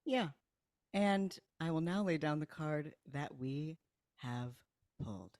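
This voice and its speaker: Low-voiced woman game master. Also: animated, slow, dry recording, studio quality. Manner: warm-hearted, filler-heavy, giggly. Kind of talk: narrating a tabletop game.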